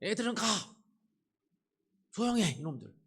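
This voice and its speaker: A male preacher voicing Jesus' irritated disciples, shouting at noisy children to go away. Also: high voice, big pitch swings, moderate pace, breathy edge, voice pushed up, heavily acted. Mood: scolding. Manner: scolding, shouting.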